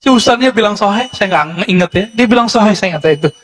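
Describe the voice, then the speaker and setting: A man's voice: high-pitched, expressive, fast. A man preaching a sermon to a congregation in Indonesian-accented speech, lecturing conversationally and often checking in with his listeners. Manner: conversational lecturing, addresses listeners as Pak, frequent "ya" tags. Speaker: Islamic preacher.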